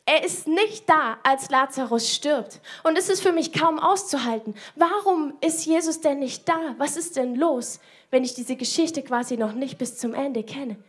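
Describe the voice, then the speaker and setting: A woman with a high voice delivers a sermon. She is earnest and personal, poses searching questions and turns to address the listener directly. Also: unhurried. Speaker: preacher.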